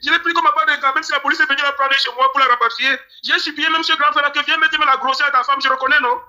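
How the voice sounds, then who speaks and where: A man's voice: very high voice, steady tone, racing, bright, forceful tone. A man from Cameroon giving a grieving, pleading interview, often repeating his words. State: grieving, near tears. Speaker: interview guest. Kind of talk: emotional interview testimony.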